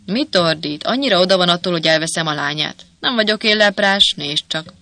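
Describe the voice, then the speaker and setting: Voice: mid-range voice, expressive, pushed and bright. A reader putting on a brash soldier ghost. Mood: defiant. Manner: brash, mocking, teasing. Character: ghost of a gruff, cocky male soldier. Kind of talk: audiobook character voice.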